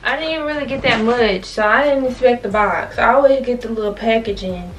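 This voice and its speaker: A woman's voice: on the high side, fairly quick. A young woman vlogger, a little out of breath, chatting casually and slangily to her viewers. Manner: slangy, animated, talks straight to viewers. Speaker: beauty and fashion vlogger. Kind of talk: casual chatty intro to camera. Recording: distant mic, faint background noise.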